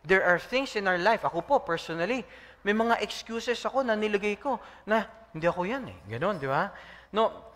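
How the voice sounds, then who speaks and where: Male pastor, high lively voice, engaging call-and-response sermon, echoing hall. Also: moderate pace. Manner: preaching in mixed Tagalog and English, call-and-response with congregation.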